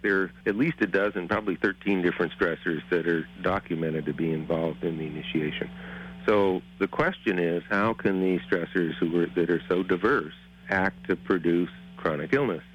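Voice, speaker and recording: A male professor explaining his research as an interview guest, in a measured, methodical, academic way. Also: low voice, husky, dull audio.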